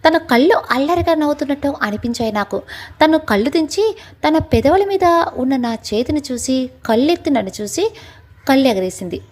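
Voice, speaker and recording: A woman narrating a scripted family audio story in a lively first-person telling. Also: sits high, normal speed.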